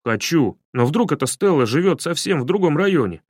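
A man's voice: fairly high pitch, big pitch swings, a little fast, husky, no room sound, clean studio sound. A man voicing a timid, reluctant schoolboy who grumbles hesitantly.

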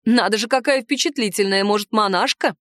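A woman narrating a first-person novel as an audiobook, in an expressive, playful manner with character voices. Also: mid-range voice, fairly quick, no echo, clean studio sound.

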